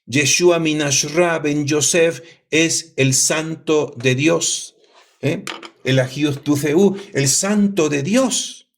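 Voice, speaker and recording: A man's voice: medium pitch, a little mellow, slightly rough. A man preaching a homily, emphatic and teacherly, repeating key phrases and asking his listeners questions. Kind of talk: sermon.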